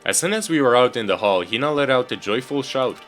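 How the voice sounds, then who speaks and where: A man's voice: mid-range voice, animated, fast, fairly bright tone, faint music behind. A man playing a visual novel game and reading its lines aloud in a casual, joking way. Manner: casual, swears, laughs at the script. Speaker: let's play host.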